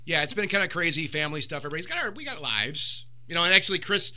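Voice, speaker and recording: A man's voice: on the high side, sing-song, very fast, bright, forceful tone. A man hosting a podcast in casual chat, rambling loosely and swearing now and then. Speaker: podcast host. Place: Michigan recording room.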